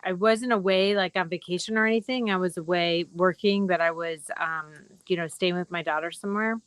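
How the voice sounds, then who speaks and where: Middle-aged woman rambling gently on a live stream, lowish voice, dry close sound. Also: steady tone, a little fast, clean tone, no room sound, poor audio. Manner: gentle, rambling, many fillers. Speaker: wellness talk host. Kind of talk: casual live broadcast.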